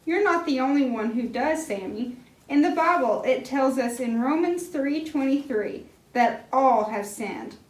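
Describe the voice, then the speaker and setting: A woman voicing a kind grown-up friend in a church puppet skit, speaking in a gentle teaching tone. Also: high-pitched, expressive, measured pace. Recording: roomy hall, mic far off.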